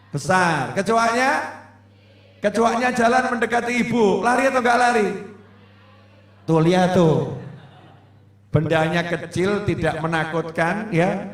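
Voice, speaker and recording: A man preaching to a congregation in with a tinge, telling the story vividly, acting out the quoted lines and joking with the audience. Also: high-pitched. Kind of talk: religious lecture storytelling. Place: large assembly hall. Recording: very echoey hall.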